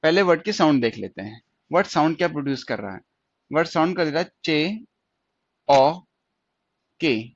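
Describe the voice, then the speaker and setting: A man teaches shorthand, walking through each stroke step by step and repeating points with checking questions. His voice sits a little high. The recording is dull and lo-fi with a dry, close sound. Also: expressive, moderate pace, pauses often, dry recording. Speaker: stenography teacher. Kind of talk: classroom lesson.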